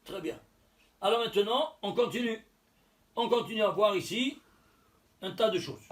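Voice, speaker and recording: A teacher with a high-sitting male voice leads a religious text lesson at a moderate pace. He explains things step by step, counts letters aloud, and poses questions that he then answers himself.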